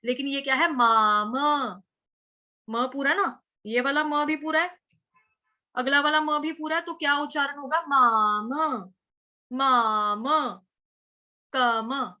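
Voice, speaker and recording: A woman leads an online recitation class, breaking words into syllables and chanting them back slowly. Her voice sits high and bright over slightly muffled call audio, and she stays patient and methodical throughout. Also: fairly even intonation. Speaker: Sanskrit chanting teacher.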